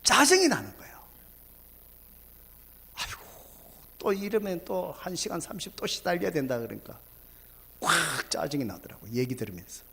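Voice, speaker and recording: A male pastor, preaching a sermon, swinging between loud exclamations and hushed whispers. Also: on the high side, very animated, normal speed, gravelly, long pauses, slight background noise.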